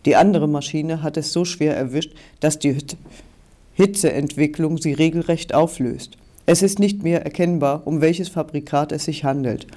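A man's voice: on the high side, normal speed, dark tone, natural voice. A man reading the part of a female TV reporter who speaks formally to the camera. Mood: reporting. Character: composed adult female TV reporter at a crash site.

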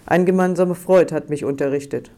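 A man doing a hushed, insistent advocate in an audiobook, urging and reassuring in low tones. His voice sits mellow and a bit high. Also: a little fast, close to an everyday voice. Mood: urgent. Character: calm, urgent male rights advocate.

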